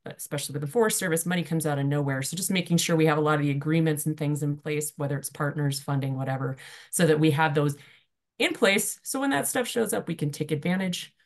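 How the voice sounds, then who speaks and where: Woman reporting back from a breakout session, quick and casual, low voice, many fillers. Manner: fast-talking, informal, many fillers. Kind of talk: online workshop report-out. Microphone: video call.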